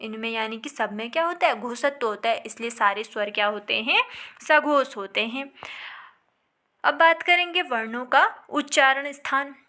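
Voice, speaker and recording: A woman teaching a lesson, who asks the class questions and answers them herself, and draws out vowel sounds slowly as examples. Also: on the high side, sharp tone. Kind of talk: classroom lecture.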